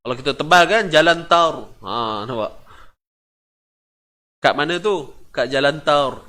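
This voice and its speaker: A man's voice: mid-range voice, lively intonation, a little slow, bright, forceful tone. Malaysian man teaching Quran recitation. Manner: patient, repeats syllables, asks the class questions. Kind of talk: tajwid lesson with chanted recitation.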